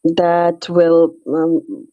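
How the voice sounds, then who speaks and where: A woman with a North Indian accent speaks in a low, mellow voice. She takes her time, halting to search for words in an informal scripture discussion. The audio is dry and a little muffled. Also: no echo. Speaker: discussion participant.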